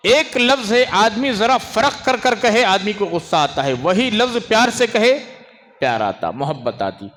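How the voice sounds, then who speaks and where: Animated male preacher in an echoing hall. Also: moderate pace. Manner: animated, swinging between raised emphasis and low asides; scolds and hushes children in the audience. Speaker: Islamic preacher. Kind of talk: religious sermon. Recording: long hall reverb.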